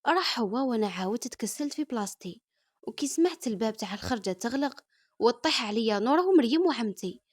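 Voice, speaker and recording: Young Algerian woman narrator, quick lively first-person storytelling, slightly high voice. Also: breathy edge. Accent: Algerian Arabic. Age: young adult.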